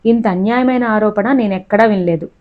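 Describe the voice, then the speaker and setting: A woman's voice: mid-range voice, fairly quick, dull audio, lightly acted. A woman reading the lines of a reserved young man who answers tersely and dryly.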